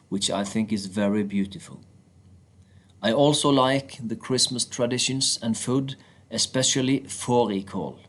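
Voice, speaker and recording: A man reading first-person passages aloud from a book in a steady, plain manner. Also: mid-range voice.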